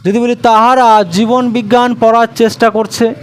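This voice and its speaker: A man teaching a spoken English lesson, drilling sentences word by word, drawing out the English words slowly and quizzing his students. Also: extremely high pitch, flat delivery.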